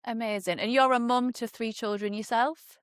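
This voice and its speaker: A woman's voice: fairly high pitch, fairly even intonation, normal speed, clear, resonant tone, dry recording, studio quality. A woman with a Yorkshire accent hosting an interview in a chatty, self-deprecating way. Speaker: podcast host.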